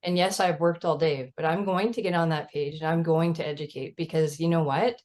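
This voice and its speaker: A woman's voice: deep voice, fairly even intonation, fairly quick, darkish tone. A mother of a child with type 1 diabetes, talking earnestly and emphatically in a casual chat over a video call, often adding "right?". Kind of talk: casual conversational storytelling.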